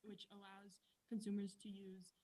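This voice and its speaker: A woman's voice: mid-range voice, monotone, normal speed, dark tone. A woman testifying as a witness in a mock trial over a video call, hesitant with ums and uhs, her audio glitching and cutting in and out. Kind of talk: role-played courtroom testimony. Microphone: computer mic on a video call.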